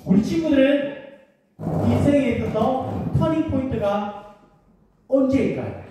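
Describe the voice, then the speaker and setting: A woman preaches a children's sermon with a mellow, warm tone, gently asking her young listeners questions. Her voice carries from some distance across a church sanctuary. The big hall gives every word a long, echoing tail. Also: fairly high pitch. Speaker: children's pastor. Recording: echoey church hall from far off.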